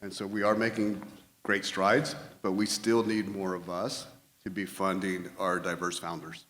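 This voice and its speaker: An energetic man from Houston speaks conversationally as an investor on a panel. His voice is low but bright, and a long reverb from the hall lingers behind it. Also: unhurried. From Houston, Texas. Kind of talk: panel discussion.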